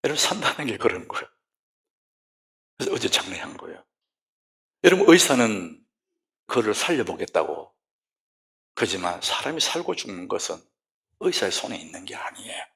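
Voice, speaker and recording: Gravelly man preaching with swings in volume. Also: on the low side, big pitch swings, moderate pace, long pauses. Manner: emotional preaching, swinging from hushed whispers to loud exclamations. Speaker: pastor. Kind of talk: sermon. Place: church sanctuary.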